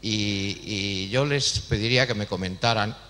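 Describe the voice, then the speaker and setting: A man's voice: lowish voice, a little slow, pushed and bright. A man in the audience asking the panel a question, lecturing with an ironic edge. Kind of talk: question from the floor. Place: lecture hall at a public event. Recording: hall reverb, faint hum.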